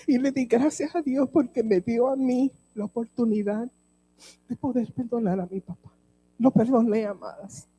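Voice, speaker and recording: A woman's voice: a little high, normal speed, mellow, slight background noise, low-quality recording. A woman preacher telling a personal testimony in a sermon, speaking with emotion and addressing the congregation directly.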